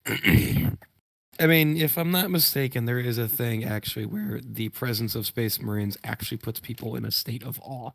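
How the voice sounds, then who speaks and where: A man's voice: medium pitch, normal speed, creaky, fairly bright tone, breathy edge, no room sound. A man playing a tabletop game, chatting and laughing as he plays a space marine. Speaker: player. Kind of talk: tabletop role-play.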